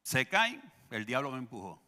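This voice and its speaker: A man's voice: medium pitch, sing-song, normal speed, sharp tone, big-room sound, a little hiss or hum. A male pastor preaching a sermon in a church, joking and calling out to the congregation. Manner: humorous, calls out to the congregation. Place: church sanctuary.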